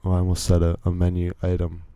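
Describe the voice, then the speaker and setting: Speaking fast in a completely flat delivery, a young Virginian host tells chatty, rambling stories with many asides on his solo podcast. His low voice is warm, clear, and resonant, captured in a dry recording.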